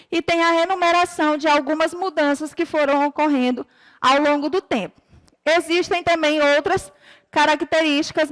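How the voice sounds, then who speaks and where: A Brazilian woman teacher giving a recorded lesson to children, explaining patiently and clearly and drawing out her example words. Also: high-pitched, fairly bright tone, long reverb tail. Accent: Brazilian Portuguese. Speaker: primary school teacher.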